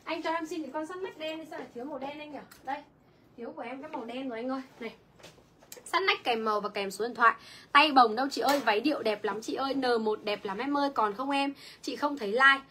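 A woman's voice: high voice, fast talker, bright, forceful tone, a little hiss or hum. A young woman selling clothes on a livestream, chatty and reading viewer comments aloud. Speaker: online clothing seller. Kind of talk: livestream sales pitch.

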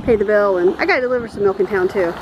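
A woman in her thirties, a dairy farmer co-hosting a casual farm vlog, explaining things in a relaxed way with fillers, filmed in an open barn by a nearby camera. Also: medium pitch, very fast, lo-fi sound, noisy background. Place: open-sided barn outdoors.

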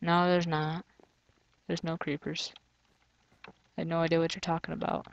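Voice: medium pitch, flat delivery, normal speed, gravelly, lo-fi sound. A gamer giving casual let's-play commentary, thinking aloud, grumbling and joking sarcastically. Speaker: gamer playing through a custom map.

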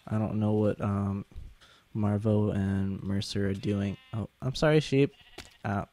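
A young man giving halting, casual gameplay commentary, sounding sick with a sore throat and swollen tonsils. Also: lowish voice, fairly even intonation, warm tone. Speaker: gaming video host.

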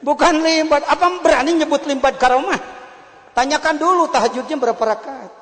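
A man preaching a sermon at a gathering, animated, moving between loud exclamations and soft asides. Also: very high voice, brisk, a faint crowd. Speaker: Islamic preacher. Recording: long hall reverb.

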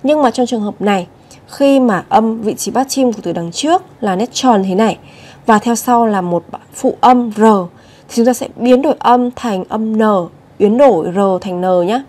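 A woman gives a Korean vocabulary lesson. Her voice sits slightly high and sounds mellow and relaxed. She repeats each word patiently and often turns to her viewers with direct questions. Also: normal speed. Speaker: Korean language teacher.

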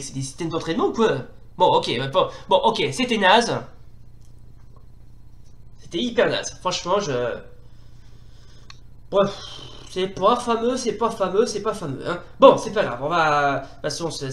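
Excitable man, echoey room. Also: high-pitched. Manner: excitable, exclaims often, laughs, repeats himself. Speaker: retro game reviewer. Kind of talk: playing while commentating.

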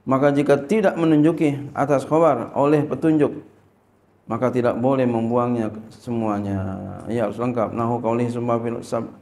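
A man's voice: medium pitch, darkish tone, reverberant. Male Islamic teacher. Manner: asks rhetorical questions, reads Arabic then translates. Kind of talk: religious lesson.

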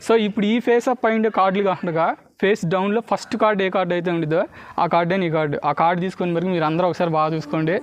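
A man's voice: high-pitched, fairly even intonation, fast, a little hiss or hum. A man with a Telugu accent giving street performer patter for a card trick, mixing in English words and constantly checking that spectators follow. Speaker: street magician.

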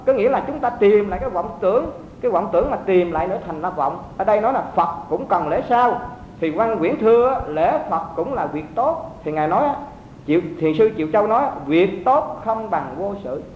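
A man, a Buddhist monk, teaching a group of monks in a dharma talk, telling stories and asking his listeners if they follow. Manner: storytelling, asks listeners to check understanding. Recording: roomy, dull, faint rumble.

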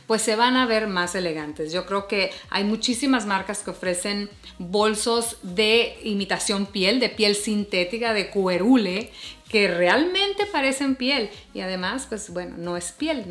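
Forties woman vlogger, friendly advice to camera, recorded in an echoey bedroom. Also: medium pitch. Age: 40s. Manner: warm chatty tips, addresses viewers as "hermosas". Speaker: fashion and beauty vlogger. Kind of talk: casual advice vlog to camera. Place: bedroom, seated before a bed. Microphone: camera at chest framing. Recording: roomy bedroom echo.

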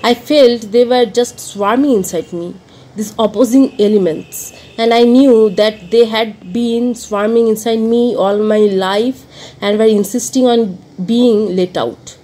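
Mellow-voiced woman reading an audiobook. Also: on the high side, measured pace, low-quality recording. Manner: expressive, shifting between rueful murmurs and emphatic outbursts. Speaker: audiobook reader. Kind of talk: scripted narration of a first-person novel.

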